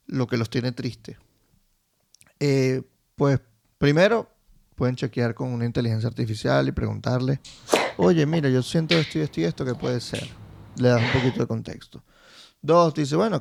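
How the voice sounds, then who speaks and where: A man co-hosts a podcast with a calm, measured delivery. His voice is gravelly with a touch of fry, at an ordinary pitch. He fills pauses as he works through his advice. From Venezuela. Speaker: podcast co-host. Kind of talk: casual podcast chat.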